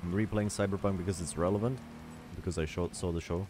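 A man's voice: low-pitched, steady tone, fast, background noise. A young man streaming a video game, chatting casually with his viewers. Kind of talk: casual live-stream commentary.

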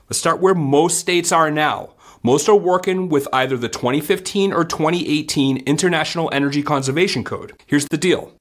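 Talking to camera in his home studio, this channel host in his forties presents a scripted HVAC explainer with upbeat, emphatic punch and plenty of hand gestures. His voice is fairly high-pitched and fairly bright.

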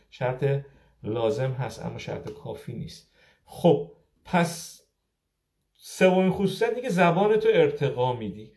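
Fifties guy from iran on a livestream, mellow voice, kinda high for a man, keeps repeating his point. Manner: lively, rhetorical questions, repeats key points for emphasis. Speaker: optometrist sharing migration advice. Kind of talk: casual advice talk on a live stream.

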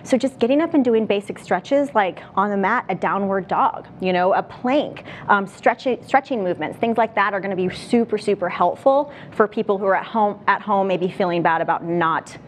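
A woman in her thirties explains home workout basics as a guest on a TV studio set. She speaks upbeat and clear, at a medium pitch. A faint hum sits under her voice. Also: normal speed, few pauses. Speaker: fitness coach guest. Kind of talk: TV studio demonstration.

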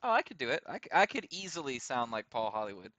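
A man's voice: medium pitch, very animated, fast talker, fairly bright tone. A man co-hosting a podcast in casual chat, joking, swearing and laughing often. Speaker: podcast co-host.

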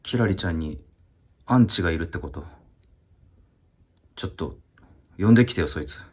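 A man's voice: low-pitched, animated, normal speed, darkish tone, husky. A man in his thirties playing a meek, awkward salaryman in a comedy sketch. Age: 30s. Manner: hesitant, timid, awkward.

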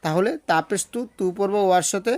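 In a Bangladeshi Bengali accent, the man spells out letters one at a time and patiently explains a recitation lesson step by step. His recited words come slow, drawn out and sing-song. He has a high-pitched, slightly mellow voice, captured with no room sound.

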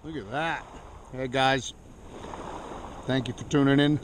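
A man with a mid-range voice cooks on a rocky seashore for a casual outdoor vlog, talking slowly and in a relaxed way to an action camera on a tripod. The recording is low quality, with loud outdoor background noise.

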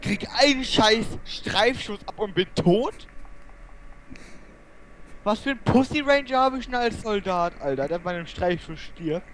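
A man raging and swearing at opponents while playing an online shooter, yelling in outbursts and muttering low in between. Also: lively intonation, measured pace, a little hiss or hum. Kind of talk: raging gameplay commentary.

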